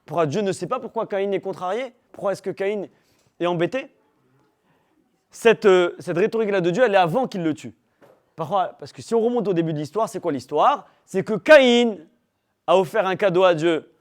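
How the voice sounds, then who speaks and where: A man teaching a religious class to young people, animated, firing rhetorical questions at the room and teasing his listeners. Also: sits high, normal speed. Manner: teasing humor with the audience. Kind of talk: lively religious class talk.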